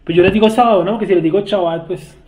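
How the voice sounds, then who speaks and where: A high-voiced man with a Bogotá Colombian accent leads a Bible study group. He talks in a relaxed, conversational way and keeps asking his students whether they understood. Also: very fast. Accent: Bogotá Colombian Spanish. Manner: conversational, checks understanding often, asks the class questions. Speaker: teacher leading a Bible study class. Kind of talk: informal religious teaching.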